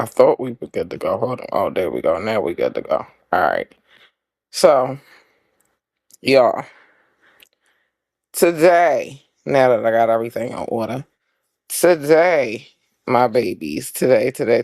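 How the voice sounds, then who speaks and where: A gravelly woman talks slowly and loosely as the solo host of her podcast. She loops back on her catchphrases and pauses to adjust her setup. Her voice sits close on the mic in a dry, dead room. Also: rumbling low, darkish tone, no echo. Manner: chatty, repeats catchphrases, stops to fix her setup. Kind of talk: casual solo podcast chat.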